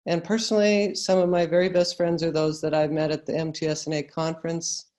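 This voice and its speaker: Croaky, froggy-voiced American woman presenting. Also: low voice, little pitch movement, brisk, a little mellow. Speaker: guest presenter, school food service director. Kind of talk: webinar presentation. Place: remote online webinar.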